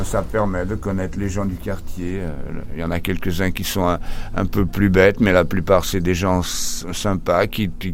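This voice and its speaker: A Portuguese laundromat owner chats casually in an interview, frequently stumbling over and repeating his words. He has a deep voice, and the recording carries a little hiss or hum.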